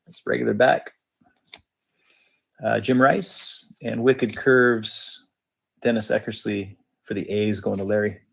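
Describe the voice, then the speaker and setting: Man with creaky, unhurried delivery. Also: lowish voice, fairly even intonation, slight background noise. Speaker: host of a sports card box break. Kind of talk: casual live commentary, reading out cards.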